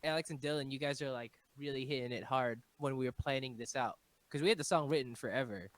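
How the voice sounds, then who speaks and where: A man in a band, the songwriter, chatting in a relaxed way and laughing easily. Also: mid-range voice, fast talker. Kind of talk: casual chat.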